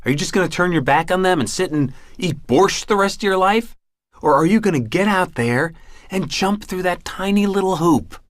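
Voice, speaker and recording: An actor voicing a brash, earnest male lion in an animated film, speaking emphatically and colloquially. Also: high-pitched, moderate pace, no echo, clean studio sound. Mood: urgent, exhorting. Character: brash, earnest adult male lion rallying his friends. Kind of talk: animated film character dialogue.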